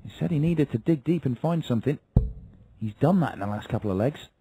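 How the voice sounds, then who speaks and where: A man's voice: mid-range voice, lively intonation, fast, background noise. A man calling a darts match as lead live commentator.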